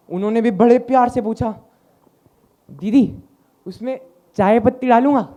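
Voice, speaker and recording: A man's voice: sits high, mellow. A young man performing a stand-up comedy set, telling a story and acting out the dialogue.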